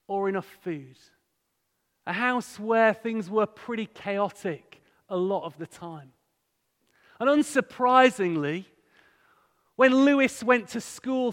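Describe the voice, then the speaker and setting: A high-voiced man with a northern English accent speaks to a congregation in a big, reverberant hall. He delivers a sermon-style talk at an unhurried pace, moving between storytelling and conversational rhetorical questions. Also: fairly bright tone. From Hull, England. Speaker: guest speaker at a church. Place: large church hall, live talk to a congregation. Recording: echoey hall with long reverb.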